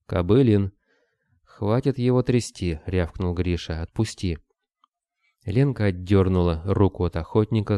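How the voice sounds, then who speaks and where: A male narrator reads in a very deep, dark, smooth voice at a steady, measured pace. The recording is close and dry, with no room sound. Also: dry recording. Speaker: audiobook narrator. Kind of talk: scripted narration.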